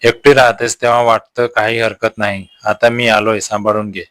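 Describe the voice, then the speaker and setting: Suspicious husband, curt, demanding, as a storyteller reads him, low voice, flat delivery. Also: male voice, moderate pace, dry recording, close to an everyday voice. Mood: stern.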